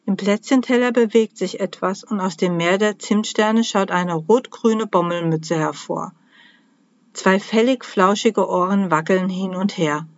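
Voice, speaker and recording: A woman who writes children's books, reading a Christmas story aloud to children in a cheerful, lively way. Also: mid-range voice, a little slow, no echo, highs cut off.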